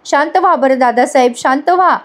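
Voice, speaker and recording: Woman reading calculating sister, calming, firm advice, somewhat high voice. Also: a little fast, lightly acted. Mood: soothing. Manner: placating, then firmly advising. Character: composed, calculating sister of a villain.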